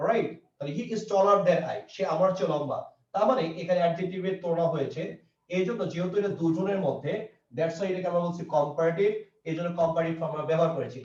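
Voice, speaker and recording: A man with a high voice teaches grammar at a quick clip. He keeps repeating points and asks questions he then answers himself. He is heard from a distance in an echoey room, on a dull, lo-fi recording. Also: darkish tone. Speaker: English teacher. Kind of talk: classroom grammar lesson.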